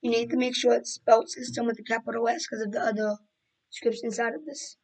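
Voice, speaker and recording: A woman hosts a casual screen-recorded coding tutorial while losing her voice, so she sounds hoarse. Her fairly high voice stays flat and even, and she rambles, restarts sentences and fills pauses as she works, on a low-quality recording.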